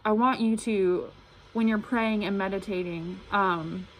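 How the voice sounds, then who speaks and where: A woman speaking through a face mask, slightly muffled, giving a casual, halting and earnest tarot reading to camera. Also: medium pitch, fairly even intonation. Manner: halting, earnest, repeats words. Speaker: tarot reader. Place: indoor room at a table. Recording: clearly noisy room recording.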